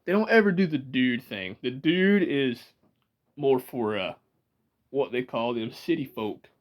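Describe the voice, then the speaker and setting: A man's voice: medium pitch, lively intonation, a little slow. A man from Georgia with a Southern drawl, talking casually to the camera, chatty and rambling, laughing often. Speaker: vlogger. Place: small room indoors, sitting in a rocking chair. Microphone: camera in front of him.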